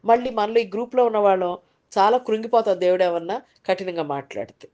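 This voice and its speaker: A woman's voice: medium pitch, fast, warm tone, dull audio. Woman preacher, sunday sermon, conversational, voices worried thoughts. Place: online group meeting.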